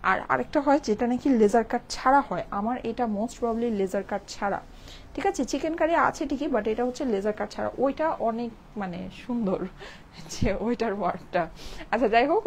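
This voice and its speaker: A Bangladeshi woman selling clothes on a live stream, chatty and a little hoarse from a cold, checking in with viewers after almost every line. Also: fairly high pitch, a little mellow, a little hiss or hum. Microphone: phone with clip-on mic.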